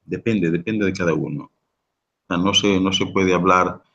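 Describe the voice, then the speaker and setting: A man's voice: sits low, steady tone, a little slow, fairly bright tone, highs cut off. A man giving a live talk, answering audience questions with long explanations and frequent rhetorical question tags. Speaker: guest speaker on sound and language.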